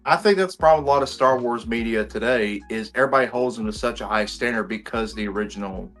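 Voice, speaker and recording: A man's voice: mid-range voice, fast, a bit bright. A man in a casual chat who talks emphatically and leans hard on key words. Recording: faint background music.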